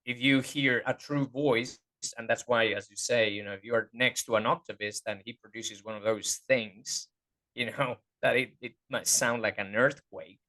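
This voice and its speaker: A man talks through vocal anatomy in a loose, unscripted interview, stopping often to find the right word. His voice sits in an ordinary middle pitch. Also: steady tone, normal speed, bright, forceful tone. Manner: hesitant, searching for words, many fillers. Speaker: guest voice teacher. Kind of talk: casual interview chat.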